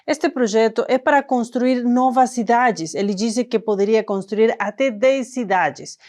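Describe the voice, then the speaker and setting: A woman's voice: on the high side, unhurried, darkish tone. Woman hosting a news show. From northern Argentina. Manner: explanatory, conversational. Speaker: news host. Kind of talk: news presenting. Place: studio.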